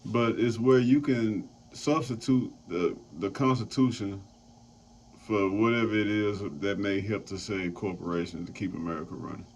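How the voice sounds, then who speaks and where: A man's voice: lowish voice, normal speed. A man hosting a casual roundtable chat, loose and profane, rambling as he talks. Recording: dull lo-fi sound, faint noise.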